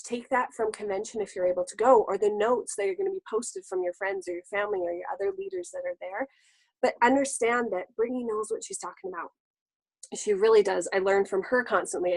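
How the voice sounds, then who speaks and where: A woman giving an enthusiastic, animated pep talk as a guest on a team webinar over a video call. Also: on the high side, no room sound, poor audio. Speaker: guest speaker.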